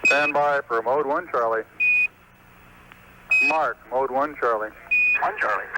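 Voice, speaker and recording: Male radio communicator, pilot-over-the-radio delivery: clipped, procedural, mid-pitched, buried in heavy static. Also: unhurried. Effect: radio transmission. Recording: very noisy archival space radio link.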